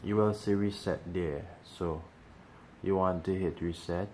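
Low-voiced man walking through a tutorial. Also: fairly even intonation, unhurried, a little mellow, slight background noise. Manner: step-by-step, repeats instructions. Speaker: tech tutorial host. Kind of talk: casual how-to walkthrough.

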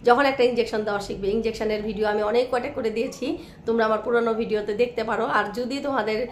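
A hoarse woman vlogging by a cowshed, chatting affectionately with her viewers and often asking if they follow. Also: a little high, fairly even intonation, fast talker, slight background noise. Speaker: village life vlogger. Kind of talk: casual vlog chat to viewers.

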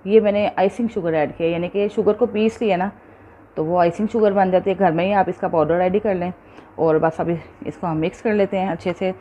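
A woman's voice: on the low side, fairly even intonation, fairly quick, dark tone, lo-fi sound, a little hiss or hum. A woman hosting a cooking show, patiently explaining each step and checking in with her viewers.

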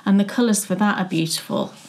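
A woman's voice: medium pitch, quick pace, darkish tone. A middle-aged woman from South Yorkshire chatting casually about yarn as co-host of a knitting show, musing aloud with restarts. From South Yorkshire, England. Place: living room with yarn shelves, indoors.

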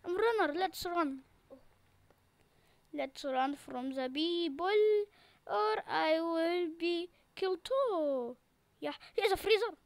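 A woman giving casual gameplay commentary, excitable and repeating herself in pleading cries. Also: extremely high pitch, slow pace, creaky, no echo. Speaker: gaming channel host.

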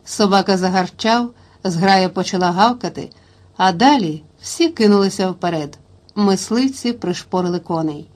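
A woman reading a historical novel aloud as an audiobook narrator, in steady, even storytelling. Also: medium pitch, normal speed.

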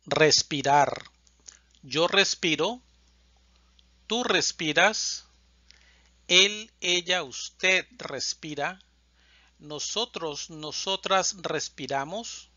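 Brief: male language teacher, very slow, careful enunciation of each form, slightly higher voice, dry and slightly dull recording. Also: pushed and bright, no room sound. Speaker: Spanish teacher. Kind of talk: slow, deliberate conjugation drill.

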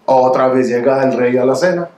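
A man rabbi giving a storytelling sermon, lively and full of repeated rhetorical questions. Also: medium pitch, normal speed, roomy sound.

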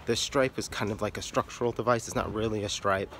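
A man's voice: on the low side, fairly even intonation, fast, fairly bright tone, a little hiss or hum. A man giving casual, frank explanatory talk about art in an offhand, irreverent manner. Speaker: artist and video creator.

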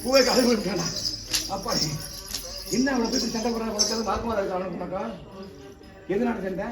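A man from Tamil Nadu, a temple priest performing an exorcism, scolding and commanding the spirit, often shouting. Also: high voice, a little fast, loud music behind the voice. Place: temple, outdoors or open hall. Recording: echoey, distant mic, noisy.

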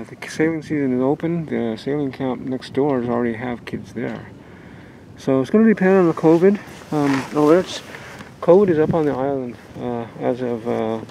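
Heavy wind, water and boat ambience fill this outdoor clip, recorded roughly on a handheld camera mic. In it, the skipper of a youth sailing nonprofit gives a casual vlog tour of his sailboat on a marina dock, chatting in an upbeat, rambling way with lots of fillers. His voice is mid-range and gravelly.

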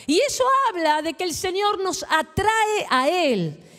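A woman's voice: extremely high pitch, expressive, measured pace, a bit bright, long reverb tail. A woman preacher with a Rioplatense Spanish accent, leading her congregation in prayer and call-and-response during a sermon. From Argentina. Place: church hall.

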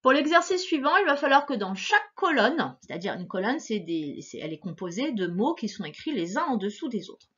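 Patient woman teaching phonics, lively pitch. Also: husky, lo-fi sound. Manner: patient, slow and encouraging, stressing each sound. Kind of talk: recorded phonics lesson for a child.

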